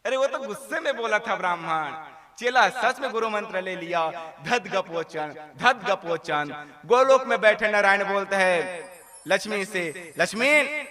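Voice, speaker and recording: A man telling a devotional story as a sermon, lively and quizzing his audience. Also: high voice, moderate pace.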